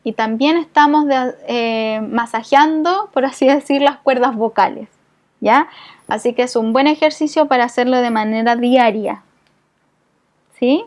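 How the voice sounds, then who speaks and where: A woman's voice: a little high, measured pace. A woman teaching a community voice-care class, explaining patiently and checking in with the group often. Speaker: voice therapy instructor.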